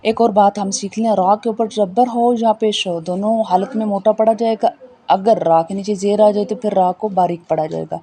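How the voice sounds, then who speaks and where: A woman teaching a Tajweed lesson, spelling out letters slowly and patiently explaining how each one is pronounced, with faint background noise. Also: mid-range voice, steady tone, mellow. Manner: slow, patient, repeats each point. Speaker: Quran reading teacher.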